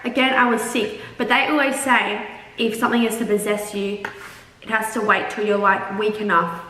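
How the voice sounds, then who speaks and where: A young woman hosts a casual storytelling chat with an animated, dramatic delivery. Her voice is bright and forward. It comes through with strong room echo, a little away from the mic. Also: medium pitch. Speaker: YouTube channel host. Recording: roomy echo, distant mic, noisy background.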